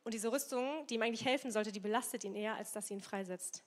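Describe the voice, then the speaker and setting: Lively casual woman preaching. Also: on the high side, fast. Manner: lively, casual, mixes in English words. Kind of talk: youth sermon with Bible reading.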